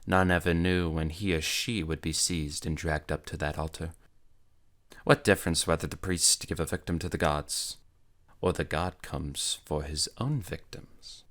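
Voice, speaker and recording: A cool, worldly young noblewoman, read by a man, calm and knowing as she tells of terrible things. The voice stays low and unhurried, in audiobook narration. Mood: ominous. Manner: calm, matter-of-fact storytelling of dread. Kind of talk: audiobook character voice.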